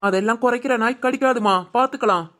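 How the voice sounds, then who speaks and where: A voice actor playing a calm, protective older brother in an animated family drama, with a Tirunelveli Tamil accent. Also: mid-range voice, fast talker, close to an everyday voice.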